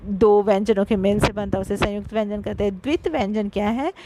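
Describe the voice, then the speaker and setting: A woman teacher giving an online grammar lesson, talking straight to her pupils and slowing down to spell out sounds. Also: medium pitch, fairly even intonation, noisy background. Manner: explanatory, addresses pupils directly, stresses syllables slowly.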